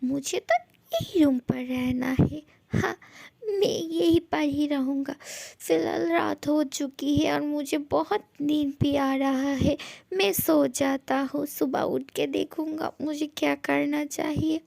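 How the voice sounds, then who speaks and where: A brash, scolding young man newly moved into a house, played by a woman in a fan audio story. The voice is high and gravelly, recorded dry and close. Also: steady tone, slow, darkish tone, no room sound, exaggerated voice. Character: young man, new tenant, brash and jumpy.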